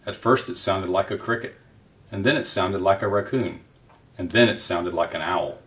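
A man voicing a fussy, nervous male owl who hoots in a raised, excited voice. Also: low voice, normal speed, recorded from a distance. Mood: puzzled.

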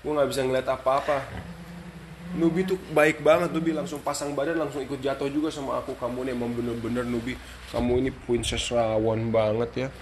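Dog owner hosting a live stream: coos baby talk at his pets, then chats to viewers, with steady background noise. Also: mid-range voice, fairly quick. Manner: switches between cooing baby talk to his dogs and chatty asides to viewers. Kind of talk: casual live stream chat.

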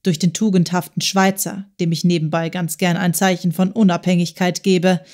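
A woman's voice: fairly low pitch, level tone, moderate pace, darkish tone, close to an everyday voice. A woman voicing a tormented, proud male writer in an audiobook, with an urgent, strained, insistent delivery. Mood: bitter. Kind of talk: audiobook character voice.

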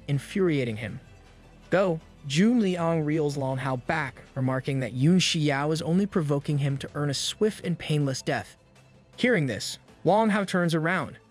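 A man reading a scripted manga recap, brisk and steady, with the odd dry joke. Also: on the high side. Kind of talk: scripted narration. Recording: narration over background music.

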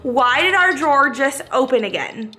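A woman filming a casual family vlog as the mom, talking in an excitable, flustered way and saying "like" in nearly every sentence. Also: high voice, normal speed. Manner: excitable, fills speech with "like"; scared and flustered, half laughing. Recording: loud music behind.

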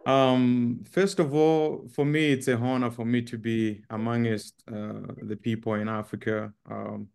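A man's voice: mid-range voice, level tone, unhurried, vocal fry, few pauses, darkish tone, smooth. A middle-aged man from Zambia giving a webinar talk on a video call, earnest, with frequent ums and repeated words. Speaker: guest speaker. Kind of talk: webinar presentation. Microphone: webcam on a video call.

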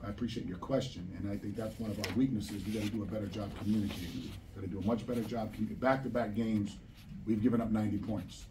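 A middle-aged man who coaches basketball fields postgame questions at a press room table, fast-talking, blunt, and emphatic, with repeated phrases for stress. His fairly low voice keeps a mostly even intonation. Though there's a table mic, a distant camera picks him up amid some room noise.

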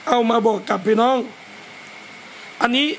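A man, a religious teacher, gives a lively lecture at a home gathering, talking straight to his listeners. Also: extremely high pitch, unhurried, creaky, slight background noise. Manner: lively, talks straight to listeners and acts out scolding parents.

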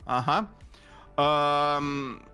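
A man in casual chat with friends, explaining words in a party game with halting, filler-heavy speech and swearing. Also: on the high side, flat delivery, sharp tone, clean tone, soft background music.

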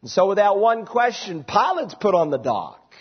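A man's voice: sits high, sing-song, normal speed, breathy edge, long reverb tail, lo-fi sound. A male pastor preaching an expository sermon, voicing the quoted lines with emphatic rising intensity. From United States.

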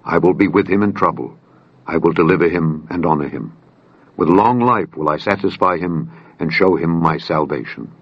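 A man reading scripture aloud as a voice-over, slow, solemn and measured. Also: deep voice, husky, no echo. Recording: dull dry voice-over.

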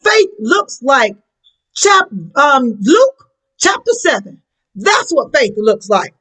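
A woman's voice: sits high, big pitch swings, takes it slowly, a bit bright, poor audio. An American woman pastor preaching a sermon with passion, her voice breaking and crying out on the key words.

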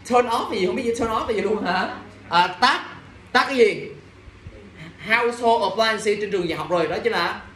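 A young man teaches English vocabulary to a class, drilling words and firing questions at students. His voice sits high and he sounds worn out by their mistakes. The recording picks him up from across an echoey classroom, with a faint hum of room noise behind him. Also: a bit bright, distant mic. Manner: drills pronunciation, quizzes students, exasperated asides.

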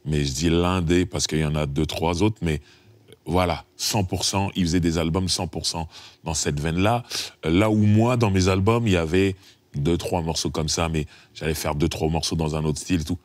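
Middle-aged male rapper from France, very deep voice, dry close mic, animated storyteller. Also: normal speed, no echo. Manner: lively storyteller, acts out dialogue, chuckles often. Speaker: rapper, interview guest. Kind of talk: casual interview anecdotes.

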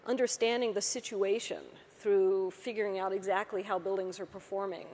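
A woman's voice: medium pitch, level tone, normal speed, a little mellow. A woman in her fifties, an architect on a panel, making her points earnestly. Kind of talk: panel discussion. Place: large auditorium stage. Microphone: lapel. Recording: hall reverb, faint room noise.

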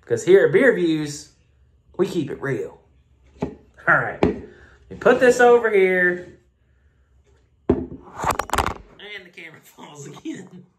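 A Southern US man reviews a drink on his phone camera at home, chatting, rambling and poking fun at himself. His voice is high with lively intonation, and he talks slowly with frequent pauses. There's background noise in the room.

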